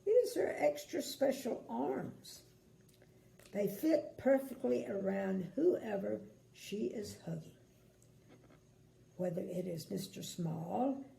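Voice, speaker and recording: A sweet old lady reads a bedtime story at a slow, gentle pace. Her voice is very creaky and mellow. She adds small asides for young listeners in a roomy space. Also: mid-range voice. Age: older. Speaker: grandmother reading bedtime stories. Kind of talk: storybook read-aloud for small children, with asides. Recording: echoey room, faint background noise.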